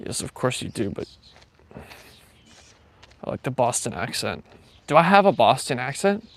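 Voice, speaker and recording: A gravelly, medium-pitched male voice, very animated and at normal speed, belongs to a livestream host on a morning walk outdoors. He rambles casually with lots of fillers, reading his chat aloud and answering it.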